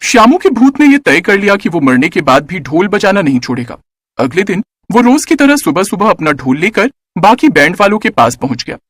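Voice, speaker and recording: In a high voice full of lively, swooping intonation, a man reads a scripted children's story expressively at a fairly quick pace. The recording is close and dry, with no room sound.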